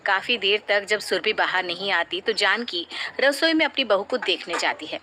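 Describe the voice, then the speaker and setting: A woman narrating a cartoon moral story in an even storytelling manner. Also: medium pitch, moderate pace, slight background noise.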